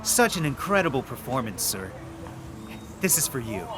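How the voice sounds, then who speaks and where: For an audio drama, an actor plays an earnest, loyal young American man raised in China who is searching for a lost friend. His mid-range, everyday-sounding voice is very animated at a normal speed, earnest and emotional and rising to pleading, with background noise and music playing underneath.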